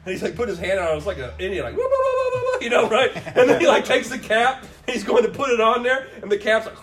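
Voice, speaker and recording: A man's voice: sits high, quick pace, a bit bright. A man in casual chat, telling a rambling, profane story with lots of laughter.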